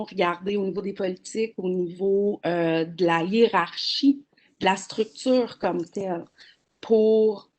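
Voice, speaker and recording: A woman's voice: mid-range voice, a little mellow. A woman, speaking as a panelist in a webinar over a video call, earnest and explanatory with frequent hesitations. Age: 40s.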